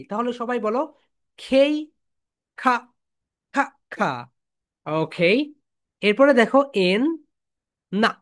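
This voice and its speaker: A woman teaching English letter sounds, chanting each sound and having the class repeat it. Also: on the high side. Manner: call-and-response drilling, repeating sounds slowly; calls students "my dear soldiers". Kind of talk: phonics drill lesson.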